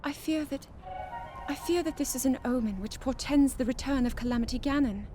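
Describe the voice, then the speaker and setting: A woman with a high voice voices a young adult princess in a video game cutscene, an earnest scholarly type who lectures seriously and gets excited quickly. The acting is light, and soft game music plays faintly.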